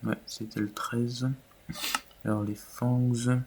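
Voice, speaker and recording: A man's voice: mid-range voice, little pitch movement, slow, gravelly, background noise. A man giving casual, rambling commentary over his own video game play, with many fillers. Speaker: gaming YouTuber.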